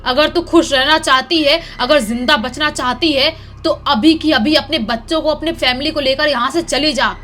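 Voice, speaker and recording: A woman voicing shrieking ghost women who loudly threaten a family in a told horror story. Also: high voice, normal speed, hardly any pauses, slight background noise. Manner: shouted threats.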